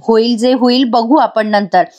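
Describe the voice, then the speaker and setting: An earnest young woman who gently coaxes and apologises, trying to make peace, as a female narrator reads her lines. Her voice is a touch high and lightly spoken. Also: fairly even intonation, unhurried, natural voice. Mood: pleading. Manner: coaxing, earnest.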